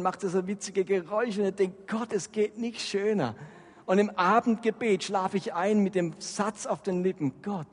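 A man preaching a sermon with a high, ringing voice and lively, emphatic delivery. His words trail off into the long reverb of a big hall. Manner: animated, emphatic preaching with frequent rises in loudness. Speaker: pastor.

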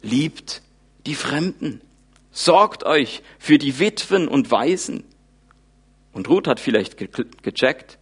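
A man preaching a sermon, retelling a Bible story in a lively, informal way and speaking the characters' thoughts aloud. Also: on the high side, slow, slightly rough. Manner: animated, wide swings in loudness.

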